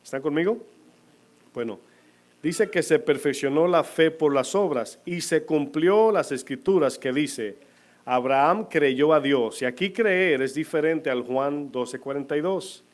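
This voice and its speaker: A man preaching a sermon to his congregation, asking them questions and answering them himself, slowing down to stress key words. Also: on the high side. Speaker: pastor. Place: church.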